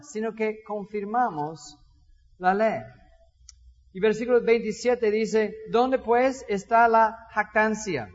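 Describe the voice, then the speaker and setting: A man preaching a sermon as pastor, animated, acting out little dialogues with shifting voices. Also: high-pitched. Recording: dull sound in a reverberant hall.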